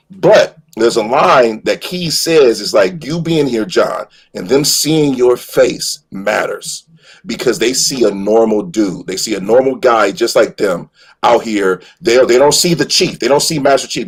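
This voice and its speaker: A man with a medium-pitched voice and a breathy edge speaks casually and emphatically as a fan panelist on a live show. He rambles through his thoughts in colloquial phrasing during a passionate fan discussion.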